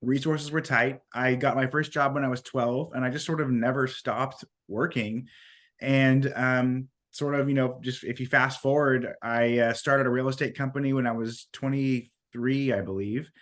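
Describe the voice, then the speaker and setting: A sick, hoarse American man around thirty with a smoker's rasp, talking casually as an interview guest. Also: mid-range voice, steady tone, normal speed, fairly bright tone. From small town in Washington, United States. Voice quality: raspy like a smoker, from being sick. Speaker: podcast guest.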